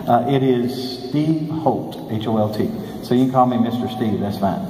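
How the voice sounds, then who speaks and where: A man's voice: medium pitch, normal speed, dark tone. A man in his sixties talking as a kids party magician, joking and speaking directly to the children in his live show patter. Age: 60s. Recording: echoey hall from far off, faint noise.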